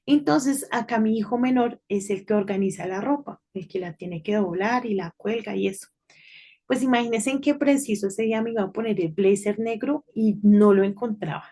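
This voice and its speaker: A middle-aged woman giving an informal devotional talk to children, telling a story in a chatty way and often checking in with a quick "right?". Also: mid-range voice, dark tone. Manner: chatty storytelling with frequent tag questions.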